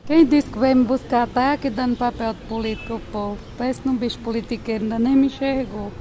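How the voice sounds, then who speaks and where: High-voiced woman teasing with laughter. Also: steady tone, a little fast, background noise. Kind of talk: casual chat behind the camera.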